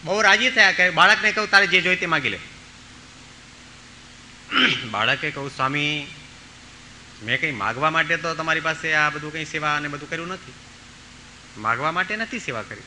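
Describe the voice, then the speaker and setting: A man's voice: a little high, expressive, a little fast, bright, forceful tone, a little hiss or hum, poor audio. A man preaching a storytelling sermon, acting out the voices of the people in his tales. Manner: acts out voices in his stories, pleading and commanding. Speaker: monk preacher.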